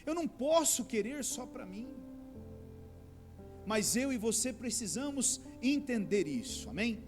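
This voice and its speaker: A man's voice: very high voice, sing-song, measured pace, over music. A man pastor preaching a sermon, addressing the congregation as brothers and rising into pleading outbursts.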